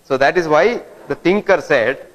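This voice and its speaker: A man's voice: a little high, lively intonation, moderate pace, lo-fi sound. A man giving a didactic lecture, often throwing rhetorical questions at the audience. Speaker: guest lecturer. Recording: long hall reverb.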